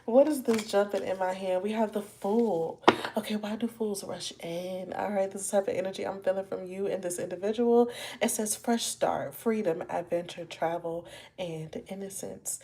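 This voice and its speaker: A woman's voice: medium pitch, fairly even intonation, normal speed, warm tone. A woman giving a live tarot reading, chatting with viewers and calling them y'all and baby. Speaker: tarot reader.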